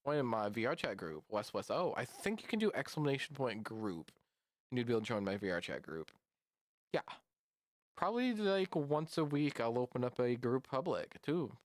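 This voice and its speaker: A rambling, chatty man talks to his stream chat in an easy, conversational way while reacting to memes. His voice sits at a middle pitch, and the sound is dry and close with no room behind it. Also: very animated, moderate pace, dry recording.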